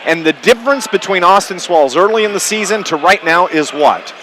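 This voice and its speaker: A man calls a basketball game live on the radio in clipped, running phrases, his voice pitched high, animated, a little fast, and fairly bright. The broadcast is noisy, picking up gym ambience and bouncing basketballs.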